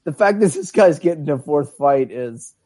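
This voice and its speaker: A man co-hosting a casual sports podcast, steering the talk with halting restarts. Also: fairly high pitch, animated, dark tone, dry recording, clean studio sound. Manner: moves the talk along, hesitant restarts. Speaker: podcast co-host.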